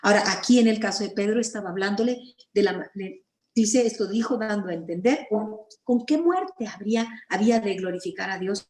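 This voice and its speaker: A Guatemalan woman teaching a Bible study over a video call, earnest and story-driven, clearing her throat now and then. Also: mid-range voice, a little fast, darkish tone, roomy sound. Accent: Guatemalan Spanish.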